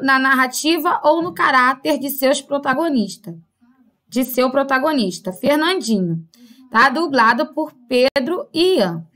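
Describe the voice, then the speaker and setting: A woman's voice: high-pitched, bright, forceful tone. A woman teaching a primary school class, explaining each point step by step and checking in often with her pupils. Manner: patient, explains step by step with frequent "tá?" and "né?" check-ins.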